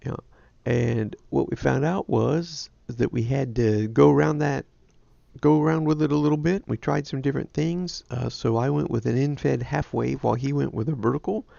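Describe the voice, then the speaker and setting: A man talks casually and rambles on in a nasal, heavily gravelly voice. His tone is dark and mellow, and it is heard dry and close. The livestream sound comes across a bit dull and lo-fi. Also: medium pitch, fairly even intonation, normal speed, no room sound. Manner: rambling, self-deprecating. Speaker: ham radio livestream host. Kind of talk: casual chat.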